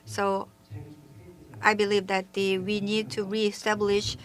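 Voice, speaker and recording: A woman delivers a conference presentation over a webinar microphone. She speaks haltingly, breaking off mid-word and restarting, with frequent fillers between her phrases. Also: medium pitch, monotone. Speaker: forum presenter.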